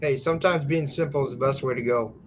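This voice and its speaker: A man's voice: medium pitch, fast talker, slight background noise, low-quality recording. A man hosting a podcast, chatting casually and putting fan questions to a guest. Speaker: podcast host.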